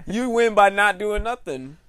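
A young American man chatting casually as a podcast host, with a slangy, animated way of talking. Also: sits high, measured pace, crowd noise. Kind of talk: casual chat.

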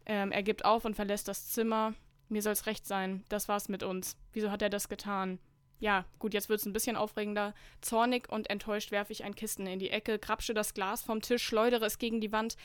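A woman's voice: medium pitch, level tone, normal speed, clean tone, no echo. A young woman co-hosting a podcast, reading fanfiction aloud with dry, mocking commentary and skipping parts with "bla bla". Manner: mocking, skips passages with "bla bla". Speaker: podcast co-host.

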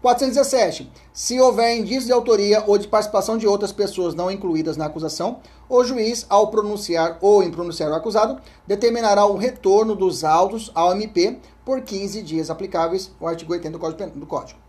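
Speaking fast with few pauses and a slightly mellow tone, this man has a Brazilian Portuguese accent and is teaching law for exam prep. Statutes get read aloud and key points repeated, and he checks on his audience often before trailing off into a quiet murmur.

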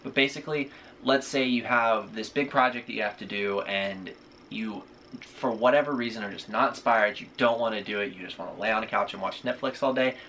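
A man's voice: lowish voice, fairly quick, sharp tone, slight background noise, rough recording. A young man co-hosting a podcast, giving upbeat, jokey advice in casual chat. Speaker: podcast co-host.

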